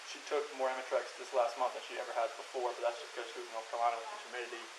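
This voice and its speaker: Man, halting answers, monotone, noisy hissy body cam audio, casual questioning. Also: medium pitch. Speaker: oil and gas operator. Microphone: police body camera. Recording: hissy body cam, echoey, radio noise.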